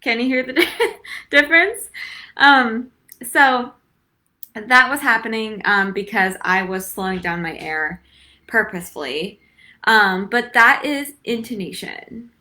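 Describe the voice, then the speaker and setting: Chatty young woman teaching flute, bright voice. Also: mid-range voice. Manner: chatty, many ums, laughs easily. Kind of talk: casual live-stream lesson.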